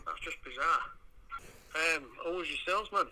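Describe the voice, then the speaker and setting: A man's voice: a little high, normal speed, sharp tone. A man with an English accent answering a business phone casually, over a noisy, clicky line.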